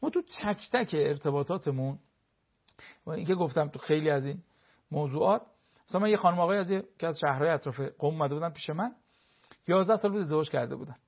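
Husky man counseling with lively examples. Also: fairly high pitch, dull audio. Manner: lively, acts out spouses' remarks in quotes. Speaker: family counselor. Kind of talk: explanatory talk with everyday examples.

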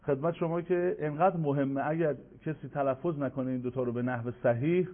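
Male recitation teacher, radio lesson, step-by-step explaining, stretched-out demo sounds, fairly high voice, thin phone-like sound.

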